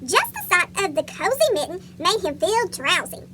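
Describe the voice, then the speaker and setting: Someone voicing a chipmunk with a squeaky cartoon voice, reading a picture book aloud to children. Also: sing-song, moderate pace, heavy background noise. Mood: chirpy storytelling. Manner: asks young listeners questions. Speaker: story reader for children.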